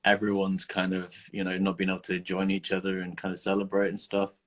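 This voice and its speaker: A man's voice: low-pitched, completely flat delivery, fairly quick, a bit bright. A man hosting a podcast, chatting in an easygoing way with lots of loose hedges. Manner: easygoing, hedging with fillers. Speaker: podcast host. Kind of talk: casual podcast chat.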